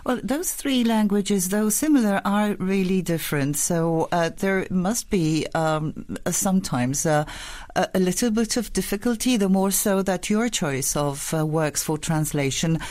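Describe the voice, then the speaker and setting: Woman radio host, lowish voice. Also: expressive, darkish tone. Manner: measured, asks questions with some hesitation. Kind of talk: radio interview.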